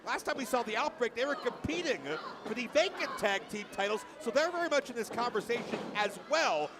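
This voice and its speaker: Very high-pitched male wrestling commentator. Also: expressive, a little fast, crowd noise, background noise. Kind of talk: live sports commentary.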